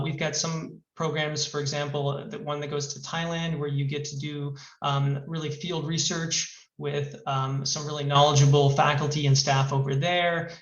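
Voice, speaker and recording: A man's voice: fairly high pitch, fairly bright tone. A man working as a study abroad advisor, giving a webinar presentation with many fillers; his voice sounds hollow and boxy, as if inside a fishbowl. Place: new room with a hard echo. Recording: echoey, distant, muffled mic.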